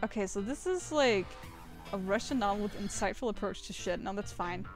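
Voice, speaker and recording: A woman's voice: medium pitch, lively intonation, fairly quick, faint music behind. A woman streaming a dating game, chatting casually, swearing freely and reading game text aloud. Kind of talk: casual gameplay chat with guests.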